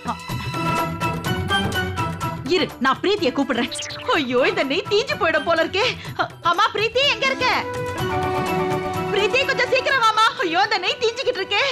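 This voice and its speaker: An actress playing a domineering, exasperated middle-aged mother-in-law in a TV serial, scolding and bossing in a melodramatic way. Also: high-pitched. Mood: threatening. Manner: scolding, bossy, melodramatic wailing. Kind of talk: TV serial acting. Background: background music score.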